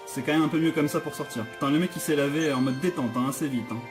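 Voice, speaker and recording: A man's voice: a little high, fast talker, music in the background. A man giving let's play commentary, nervous and jokey, often restarting his sentences. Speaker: gaming channel host.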